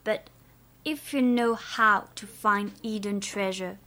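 A woman playing a shy young girl who speaks careful, slow English like a learner. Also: mid-range voice, pushed and bright.

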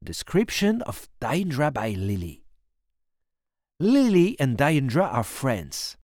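A man narrating a storybook in a diary voice, with wry, quick asides between slowly read lines. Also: mid-range voice, huge pitch swings, a little mellow, no echo, studio quality.

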